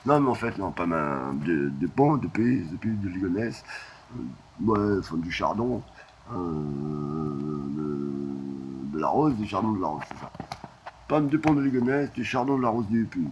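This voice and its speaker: A man's voice: sits low, expressive, unhurried, a little mellow, dull audio, a little hiss or hum. A man talking in a rambling, disjointed monologue, crude and full of "hein" fillers, drifting from topic to topic.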